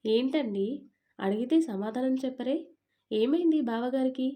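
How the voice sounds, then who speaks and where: A woman's voice: high-pitched, normal speed, dark tone, natural voice. A woman doing a sulky young bride. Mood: puzzled. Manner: complaining, pouting.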